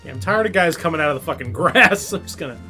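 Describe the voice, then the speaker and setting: A man's voice: fairly high pitch, animated, fast, pushed and bright, faint music behind. A man playing a video game who chats casually, laughs often and swears when the game frustrates him. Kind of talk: casual gaming chat.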